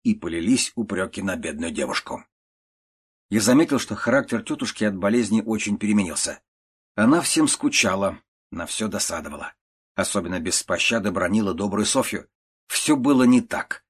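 Audiobook narrator: man, lowish voice, husky, measured storytelling of classic prose. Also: animated.

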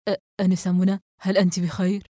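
A woman's voice: on the low side, level tone, fast talker, dark tone, no room sound, studio quality, natural voice. Woman reading a firm male detective. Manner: firm, insistent.

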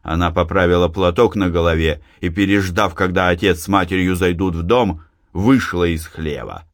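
A man narrating a story aloud in an expressive audiobook reading. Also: low-pitched, moderate pace, dry recording, studio quality.

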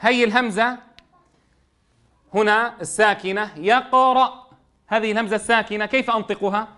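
Middle-aged male teacher, high voice, sing-song syllable drills. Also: fairly even intonation, pushed and bright, clean tone. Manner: drawn-out sing-song spelling, fast explanations between. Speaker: Quran reading teacher. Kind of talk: classroom phonics lesson, spelling syllables aloud.

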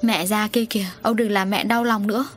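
A woman's voice: mid-range voice, fairly even intonation, a little fast, faint music behind, natural voice. A woman voicing a middle-aged wife who soothes her husband, in an audio story. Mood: soothing.

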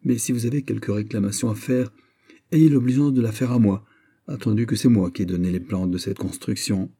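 A man's voice: lowish voice, a little fast, mellow, slightly rough. A man reading aloud, voicing a proud, stiffly polite young French count in an audiobook. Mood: polite, firm.

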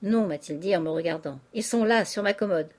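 A woman's voice: lowish voice, fairly quick, darkish tone, lightly acted. A woman voicing a tearful young countess. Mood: distraught. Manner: tearful, pleading confession. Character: distraught young aristocratic wife, confessing. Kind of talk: audiobook character reading.

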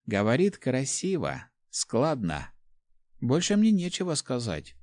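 A quiet, reserved young servant girl gives short, plain answers in a lightly raised voice, as a man reads her. Her delivery stays matter-of-fact and close to the mic. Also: mid-range voice, wildly swooping pitch, slow, dry recording. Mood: dry. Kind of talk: audiobook character voice.

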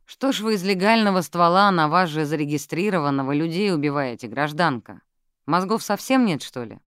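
A man's voice: fairly high pitch, expressive, a little fast, fairly bright tone, smooth, dry recording, voice pushed up. A reader voicing a dry, mocking male investigator who speaks in blunt officialese. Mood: scolding.

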